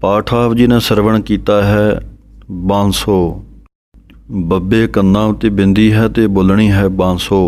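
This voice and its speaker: A man leads a recitation lesson in a low, even voice. He draws out each verse at an unhurried pace, then stops to explain how each word should be pronounced and where to pause. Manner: chants verses slowly, then explains pauses and pronunciation quickly. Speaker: scripture recitation teacher. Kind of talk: slow recitation lesson with pronunciation notes.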